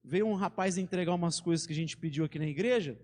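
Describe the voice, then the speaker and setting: In a church sanctuary, a Brazilian Portuguese-accented pastor preaches conversationally, weaving in stories and casual slang. His voice is on the high side, fast and darkish in tone, trailing a long reverb.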